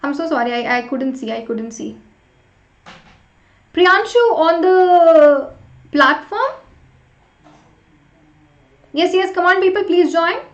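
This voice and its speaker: A woman's voice: extremely high pitch, takes it slowly, pauses often. A woman teaching an interactive live online class, chatting with students and urging them along with short repeated prompts. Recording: roomy echo, slightly dull sound.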